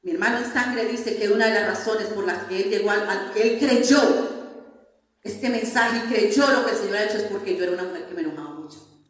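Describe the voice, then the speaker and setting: A woman's voice: mid-range voice, a little fast. A woman preaching a sermon in a church, stressing her points and often asking the congregation to answer back. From Colombia. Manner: emphatic preaching with frequent call-and-response questions to the congregation. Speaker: pastor. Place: church sanctuary. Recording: very echoey hall, voice from far off.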